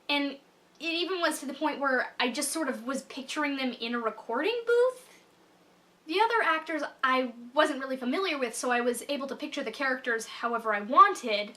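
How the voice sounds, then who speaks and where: Young woman, student, casual review, chatty, giggly, high voice, bright tone. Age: young adult. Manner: chatty, giggly, self-deprecating.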